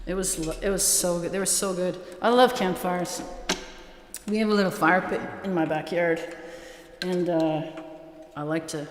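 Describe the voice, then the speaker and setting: A woman's voice: fairly low pitch, steady tone, a little hiss or hum. A woman musician chatting casually and playfully with viewers between songs on a live stream, her voice drenched in cave-like reverb. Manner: chatty and playful, quick bursts of talk. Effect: heavy cave-like reverb on her speaking voice.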